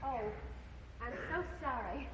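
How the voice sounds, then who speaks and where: An actress plays a middle-aged widowed landlady in a stage musical, chattering in a giggly, affected, pretentious way, sprinkling in French phrases and gushing flirtatiously through songs and dialogue. Her high voice is animated and unhurried. The live soundboard recording has an echoey theater hall and a noisy background.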